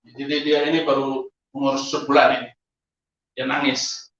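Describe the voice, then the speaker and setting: Animated male preacher in an echoey hall. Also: moderate pace. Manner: animated storytelling, laughing often, sudden high exclamations. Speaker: pastor. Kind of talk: testimony sermon. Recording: echoey, distant, lo-fi hall sound.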